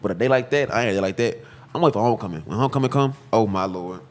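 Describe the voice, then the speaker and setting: A young man, chatting casually and loosely about his barbering work. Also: lowish voice. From Texas. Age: 20s. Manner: slangy, loose, talks in quick bursts with repeats. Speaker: podcast guest, barber. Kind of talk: casual chat.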